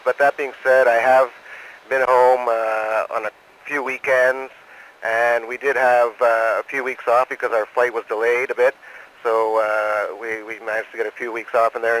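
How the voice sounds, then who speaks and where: A man, an astronaut, answering questions in an unscripted, halting way over a space radio transmission. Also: mid-range voice, fairly bright tone. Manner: halting, saying "over" after each answer. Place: aboard the space station. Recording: noisy space-to-ground radio link.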